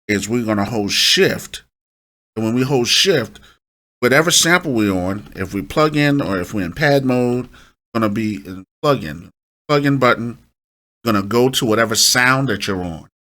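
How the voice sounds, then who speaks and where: A man with a fairly low, sharp-toned voice hosts an informal music production tutorial. He walks through it step by step, giving instructions and often checking in with short tag questions.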